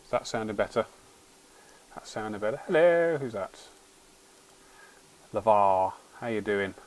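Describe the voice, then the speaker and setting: A man's voice: fairly low pitch, fairly even intonation, unhurried, rough recording. A man hosting a livestream, chatting casually while he plays a game, rambling and often restarting his sentences. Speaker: livestream host.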